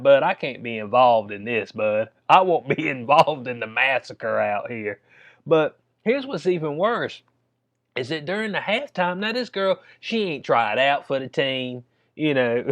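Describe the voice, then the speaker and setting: A man with a Southern American accent delivers casual sports commentary as a comedic rant. His voice sits at a middling pitch, and he talks in slang with an incredulous, chuckling manner. The sound is dry, with very little room in it. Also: fairly bright tone, dry recording.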